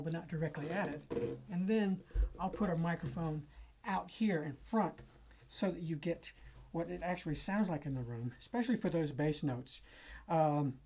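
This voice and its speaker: A woman demonstrating a cajon she builds, explaining it in an unhurried, casual way with pauses and fillers. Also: deep voice, warm tone, breathy edge. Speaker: cajon maker demonstrating an instrument. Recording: cajon drumming between and under the speech.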